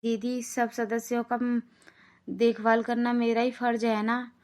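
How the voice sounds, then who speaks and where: A meek, selfless young daughter-in-law in a cartoon family, voiced by a woman. Her voice sits a little high and sounds patient. She reassures others gently and never pushes back. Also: little pitch movement, unhurried, natural voice. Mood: gentle. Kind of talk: Hindi cartoon voice acting.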